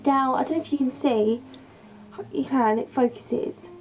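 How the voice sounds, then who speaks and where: A young woman, her voice a little croaky from a sore throat, pitched fairly high as she gushes and rambles about her things. She talks straight into a camera mic in her bedroom while soft music plays faintly underneath. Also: fairly even intonation, measured pace, rough recording. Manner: gushing, rambling, enthusiastic. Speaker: beauty and lifestyle vlogger. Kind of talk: casual chatty vlog.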